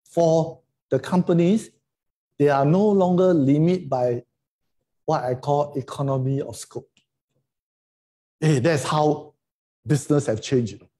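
This middle-aged Singaporean man lectures informally on a video call from indoors, his voice fairly high and mellow. He keeps a measured pace and pauses often. His colloquial Singlish is emphatic, peppered with rhetorical questions and tag words.

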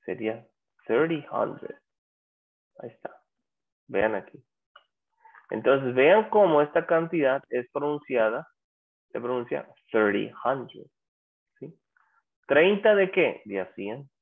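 A man teaching an English class, drawing out his example words slowly and coaxing students to answer. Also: medium pitch, big pitch swings, vocal fry. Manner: slow, drawn-out English examples. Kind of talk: online class lecture. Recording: tinny phone-like audio.

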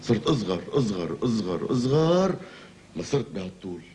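A man's voice: on the low side, big pitch swings, brisk. A Lebanese man acting a comic, rambling patient who suddenly finds himself married to two wives. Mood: complaining. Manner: rambling, exaggerated, comically flustered. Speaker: patient in a comedy series. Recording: loud background noise.

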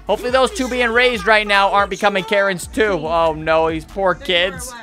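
A man's voice: sits high, steady tone, normal speed, bright, forceful tone, faint music behind. A man gives casual, exclaiming, incredulous reaction commentary full of slang, close on the mic. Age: 20s. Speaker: reaction video host. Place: small indoor home studio. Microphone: close boom-arm microphone.

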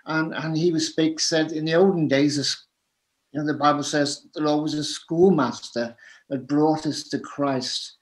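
An older man in a living room on a video call, recalling something he read, with halting restarts. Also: fairly high pitch, fairly even intonation. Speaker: bible study participant. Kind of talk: casual discussion. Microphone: webcam on a video call.

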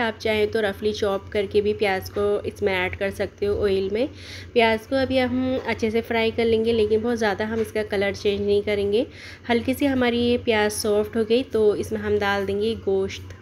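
A woman hosting a cooking channel, giving a steady step-by-step voice-over of a recipe and explaining each option as she goes. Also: medium pitch, normal speed, slight background noise.

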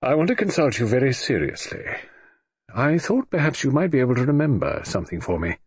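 Man voicing a gruff old admiral, brusque and clipped, husky voice, lively pitch. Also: fairly quick, no echo.

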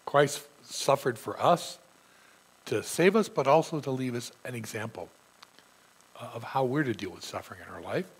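Reading scripture aloud with emphasis, a middle-aged pastor preaches an earnest sermon from a church pulpit while suffering a sore throat. His mid-range voice has a breathy edge and a normal speed, and the recording is low in quality.

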